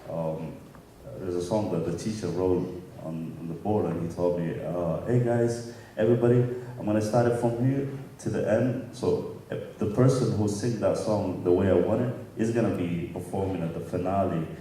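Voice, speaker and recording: A man's voice: deep voice, steady tone, moderate pace, dark tone. A man in his thirties from Somalia with a Somali accent, telling stories animatedly on stage and laughing often as he acts out voices. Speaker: keynote guest musician. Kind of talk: onstage interview storytelling. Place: conference hall stage. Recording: roomy hall sound from far off, faint noise.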